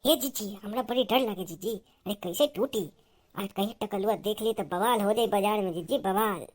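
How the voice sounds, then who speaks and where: A woman's voice: mid-range voice, fairly even intonation, moderate pace, natural voice. Cartoon: woman voices a timid, nervous young village woman with an Awadhi accent. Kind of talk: cartoon voice acting.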